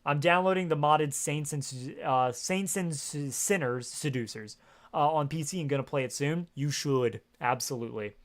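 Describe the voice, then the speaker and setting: A male game streamer with a fairly high voice talks loosely into his headset mic. He wanders from point to point, packs his sentences with fillers, and swears often as he chats. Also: normal speed. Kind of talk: casual livestream chat. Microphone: gaming headset.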